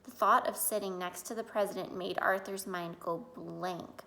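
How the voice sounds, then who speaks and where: A woman's voice: mid-range voice, fairly even intonation, brisk, bright, forceful tone. A woman teacher expressively reading a picture book aloud to children, adding asides to her listeners.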